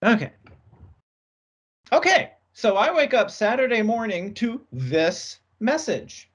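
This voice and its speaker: A man's voice: high-pitched, big pitch swings, slow pace, a bit bright. A man leading an online team meeting, reading aloud with amused asides and easy chuckles. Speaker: team lead presenting to colleagues. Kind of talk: casual work meeting chat. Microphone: video call.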